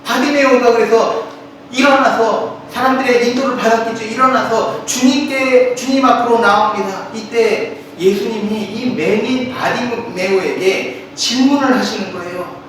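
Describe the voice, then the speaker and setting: A man's voice: very high-pitched, moderate pace, fairly bright tone, slight background noise. A male pastor giving a sermon in a friendly, conversational way, speaking straight to his congregation. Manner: conversational, addresses the congregation directly. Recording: echoey hall from a distant mic.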